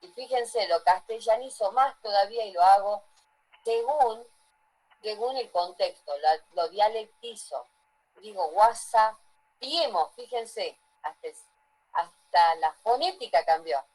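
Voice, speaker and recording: A woman's voice: medium pitch, animated, measured pace, a little mellow, poor audio. A woman teaching a class, lecturing and often asking the students if they follow. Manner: asks the class frequent check-in questions.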